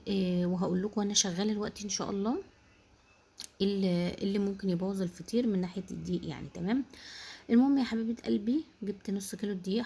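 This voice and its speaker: A woman with an Egyptian Arabic accent hosting a home cooking video, chatting casually and warmly addressing viewers as sisters while explaining each step. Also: medium pitch, slightly rough. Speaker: home cooking channel host.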